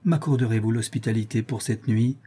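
A man's voice: mid-range voice, fairly quick, dark tone, husky, natural voice. A man reading an audiobook voices a vain, cheerful nobleman in a gallant, self-satisfied manner.

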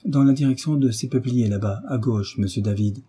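A man's voice: medium pitch, fairly quick, dark tone, husky. A man reading the part of an anxious, devout lady of the house, fervent and pleading. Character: devout, anxious noble mother.

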